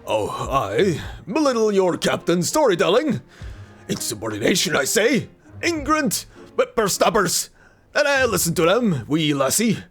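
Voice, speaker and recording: A gruff old seafaring man, acted out by a game player, full of pompous bluster. He is a proud ghost captain from a video game, with a lively, swinging delivery over music. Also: mid-range voice, normal speed, pitched above the performer's own voice, natural voice. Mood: indignant.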